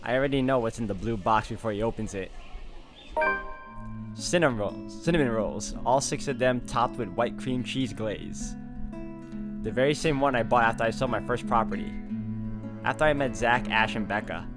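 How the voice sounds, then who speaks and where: Speaking at a normal speed and medium pitch, a man hosts a game walkthrough. He mixes let's play commentary with reading the visual novel's narration aloud, while game music plays clearly in the background.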